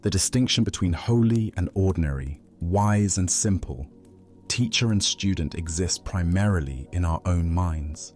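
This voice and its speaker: A man calmly narrating Buddhist teachings and stories as a soothing, scripted sleep narration. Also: deep voice, faint music behind. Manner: calm, measured, soothing.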